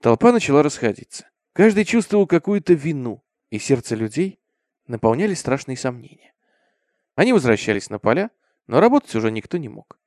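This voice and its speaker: A man's voice: medium pitch, big pitch swings, brisk, no room sound, clean studio sound. A man narrating a horror story in a grave, dramatic reading voice. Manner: grave, darkening to a hush in grim passages.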